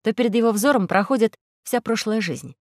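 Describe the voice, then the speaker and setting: A woman narrating a children's audiobook in a steady, clear storytelling voice. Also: on the high side, brisk, no room sound, studio quality.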